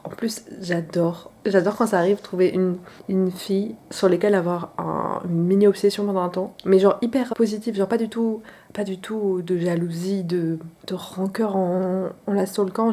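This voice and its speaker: Soft, warm-voiced young woman vlogging. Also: medium pitch, husky. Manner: chatty and confiding, with frequent hesitations. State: suffering from allergies. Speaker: vlogger and aspiring comic artist. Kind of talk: casual vlog voice-over.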